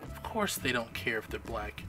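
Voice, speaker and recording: A man's voice: medium pitch, big pitch swings, normal speed, over music. A man chatting casually on a live stream, telling stories in an emphatic, swearing manner. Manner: storytelling, emphatic, swears freely. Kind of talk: casual chat.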